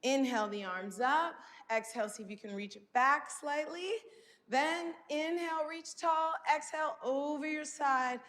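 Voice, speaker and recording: Speaking at a normal pace in a high, slightly bright voice, a woman guides a stretching routine as she works out, giving timed breathing cues and encouragement. The recording has a long reverb like a hall.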